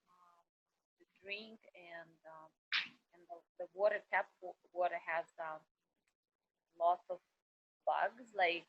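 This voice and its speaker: A middle-aged woman from Kazakhstan, a doctor speaking over a video call, halting and searching for words with many fillers. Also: lowish voice. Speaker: emergency doctor, guest. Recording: dull, lo-fi internet call audio.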